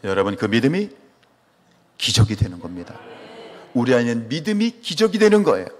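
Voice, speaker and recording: A pastor from Chungcheong, South Korea, preaches a sermon in a Chungcheong Korean accent, his medium-pitched voice brisk and trailing a long reverb in the church sanctuary. He's animated, posing questions to the congregation and answering them himself.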